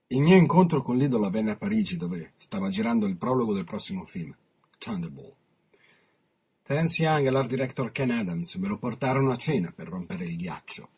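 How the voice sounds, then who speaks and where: A man on the radio reading his own written interview aloud, measured, with dramatic pauses. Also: on the low side, lively intonation, darkish tone, breathy edge.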